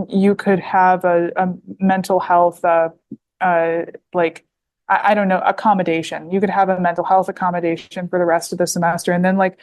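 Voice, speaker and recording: Her lowish, darkish voice carries a rambling podcast interview packed with fillers and restarts. The speaker is a woman in her 20s from the United States, appearing as a guest author.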